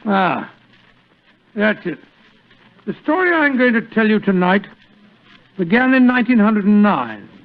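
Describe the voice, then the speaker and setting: An actor playing a genial, fussy older English doctor with a hesitant, bumbling manner, in 1940s radio style. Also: male voice, high voice. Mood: storytelling. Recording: tinny, noisy old radio broadcast.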